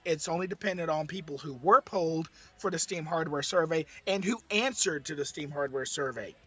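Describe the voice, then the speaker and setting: A man presenting tech commentary with a hoarse, strained voice that is giving out, stressing his points by repeating them. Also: a little high, brisk, pushed and bright. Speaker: streamer, presenter. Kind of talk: slide-based tech commentary.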